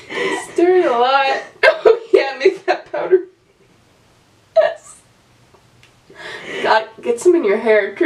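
A woman's voice: high-pitched, a little mellow, recorded from a distance. A young woman giving a playful mock makeup tutorial at home, laughing often. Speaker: friend doing the challenge. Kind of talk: casual vlog chat. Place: small room at home, indoors.

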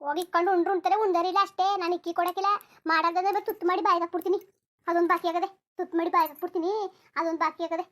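A woman voicing an aggrieved, sharp-tongued village wife in a cartoon, scolding and resentful. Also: extremely high pitch, level tone, very fast. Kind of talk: cartoon voice acting.

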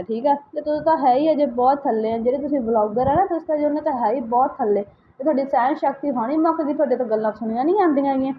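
A woman's voice: on the high side, muffled recording, slight background noise. A woman, hosting a roast video and lecturing vloggers in a scolding way. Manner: scolding, lecturing, rapid-fire. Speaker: roast channel host.

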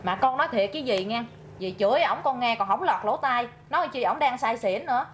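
An actress playing a young unmarried village woman with a Southern Vietnamese accent, gossipy and sharp-tongued. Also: on the high side, expressive, brisk, slightly rough. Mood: gossiping. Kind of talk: rural comedy film acting.

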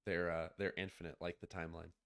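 A man chatting casually on a podcast, excitable and slangy, quick to gasp and laugh. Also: low-pitched. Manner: slangy, laid-back. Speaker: podcast co-host. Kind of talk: casual chat.

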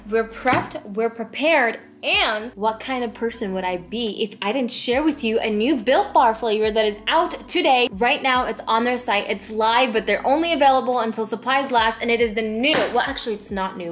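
In a lifestyle vlog filmed in her home kitchen and car, a woman in her twenties chats casually to the camera. She sounds upbeat, drops plenty of "like" fillers, and has a fairly high, slightly bright voice.

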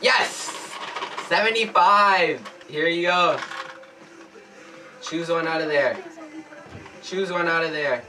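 A teenage boy hosts a casual gaming challenge in short, excitable bursts. His bright voice sits a bit high for a male and is picked up from a little distance, with music underneath. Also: slow pace, pauses often. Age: teens. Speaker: host of a gaming challenge video. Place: small indoor room with cloth backdrop. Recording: distant mic, music behind.

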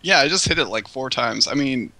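A young man joins over a voice call, tossing in teasing jokes between the host's remarks. His tone is bright and forward. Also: mid-range voice, animated, fairly quick, a little hiss or hum. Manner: joking, teasing asides. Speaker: co-player on voice call. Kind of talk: casual chat. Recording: voice call audio.

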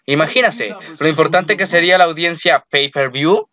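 A man's voice: a little high, normal speed, pushed and bright. A man voicing a smug, scheming male wrestler in a formal, self-assured tone. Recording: lo-fi muffled recording.

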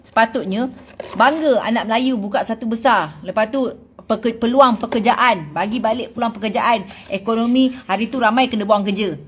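A woman from Malaysia with a Malaysian Malay accent, scolding her online critics in a blunt, animated casual rant. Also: on the high side, normal speed, a little hiss or hum. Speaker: celebrity vlogger.

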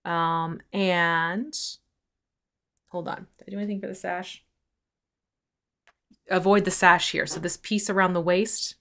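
Female painting instructor, slightly low voice, chatty step-by-step stream tutorial. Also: steady tone, measured pace, pauses often, a bit bright. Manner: explains steps while working, chatty and laughing.

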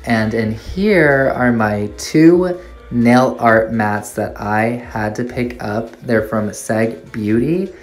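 A nail art YouTuber with a bass voice gushes enthusiastically about her shopping haul in a casual vlog. She films on a handheld phone inside a nail supply store, then later at her desk at home, with faint music playing softly underneath.

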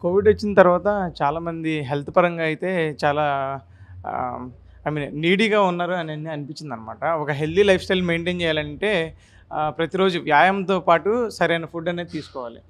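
A man's voice: on the high side, normal speed. A young man interviewed in a restaurant, explaining his menu with fillers and English words mixed in, into a handheld mic. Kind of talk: casual interview answers. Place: restaurant inside a gym, indoors. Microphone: handheld mic held by reporter.

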